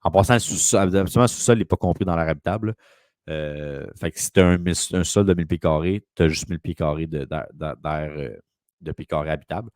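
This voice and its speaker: Quebec french guy, real low voice, rambly storytelling, dry close sound. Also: brisk, a little mellow, dry recording. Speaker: real estate broker. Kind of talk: casual conversation.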